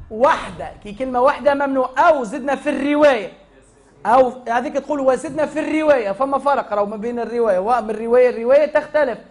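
A man with a Tunisian Arabic accent teaching a Quran recitation class, asking the students questions and answering them himself. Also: very high-pitched. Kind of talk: classroom lesson.

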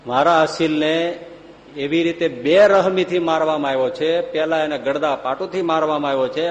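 A man's voice: a little high, muffled recording, natural voice. A man voicing a slick, long-winded lawyer who pleads dramatically before a judge. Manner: slow, dramatic, overblown pleading. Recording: long hall reverb, faint background noise.

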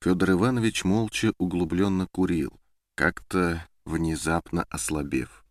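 A male audiobook narrator reads in a subdued, measured voice. The pace is slow and the recording close and dry. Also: sits low, fairly even intonation, no echo. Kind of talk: scripted narration.

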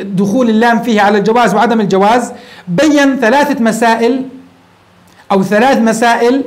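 A man teaching a grammar lesson, often checking in with quick rhetorical questions. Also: high-pitched. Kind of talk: classroom grammar lecture.

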